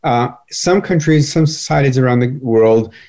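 An older man, a writer, speaking in a measured, thoughtful way during a conversation, with occasional fillers and repeated words. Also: medium pitch, darkish tone. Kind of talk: conversational discussion.

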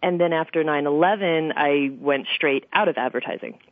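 A woman's voice: low voice, moderate pace, no echo. Ny lady chatting on a radio interview, sounds like a tinny phone call. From Queens, New York City. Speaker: real estate broker, interview guest. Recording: muffled phone-like radio line.

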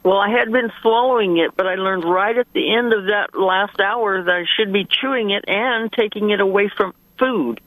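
A woman's voice: medium pitch, normal speed, hardly any pauses, fairly bright tone, dry recording, rough recording. A woman calling in over the phone to a radio health show, asking her question politely and a little hesitantly. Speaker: caller. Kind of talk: call-in question to a radio host.

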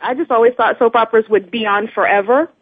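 A chatty woman from Georgia calling in to a radio show, heard through a thin, clipped telephone line. Her voice sits a little high and slightly husky. The call sounds dry, with no room around it. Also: fast, dry recording. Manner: chatty, laughs between remarks. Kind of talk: casual phone chat. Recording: narrow-band phone call, dry.

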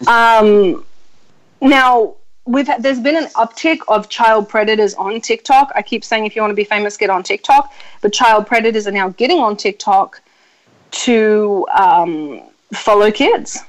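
A woman in her thirties hosting a casual chat, blunt and chatty, swearing freely and filling pauses with ums. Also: medium pitch, rough recording. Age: 30s. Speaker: podcast host.

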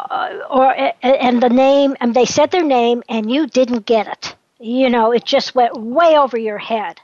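A woman with a high voice hosts the interview, asking her questions in a conversational, inquisitive way. The sound is dry and a little dull. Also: no echo. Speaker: interview host. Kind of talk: radio interview.

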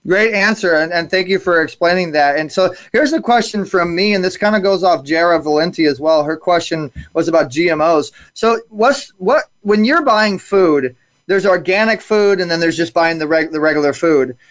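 Enthusiastic male talk show host, high voice, dry close recording, restarts his words. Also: normal speed, fairly bright tone, no echo. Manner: enthusiastic, repeats words as he goes. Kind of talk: live online talk show.

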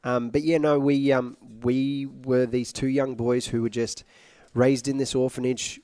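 An Iraqi singer appears as a guest on a radio interview, joking and playful throughout the conversation. His medium-pitched voice is unhurried and dark, with little pitch movement, and the sound is close, dry and free of echo.

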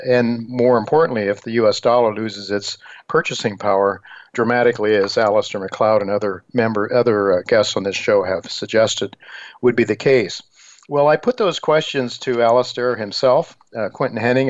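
Halting male radio host, dull lo-fi audio. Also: medium pitch. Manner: halting, repeats words. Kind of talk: financial radio monologue, partly scripted.

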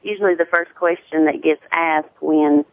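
Southern lady w a deep southern drawl, kinda gravelly, chatting on a tinny phone line. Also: fairly even intonation, moderate pace, a little hiss or hum. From Tennessee. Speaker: guest, sickle cell awareness advocate. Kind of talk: casual interview talk. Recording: muffled narrow phone-like line.

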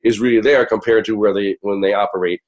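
An American man hosts a radio show in a conversational monologue. He is sick, and his voice is hoarse and keeps cracking. He carries on talking to his listeners as if nearly out of voice. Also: lowish voice, fairly even intonation, quick pace, lo-fi sound.

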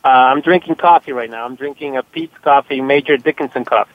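A man's voice: medium pitch, a little fast, no echo. A man calling in to a radio show, eagerly telling a story. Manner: enthusiastic storyteller. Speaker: caller. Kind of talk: casual chat. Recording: tinny phone line.

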